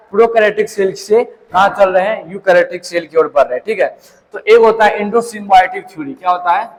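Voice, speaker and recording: Young guy teaching bio, asks and answers himself, echoey room. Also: sits high. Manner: asks and answers his own questions, storytelling. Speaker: biology teacher. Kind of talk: classroom lecture.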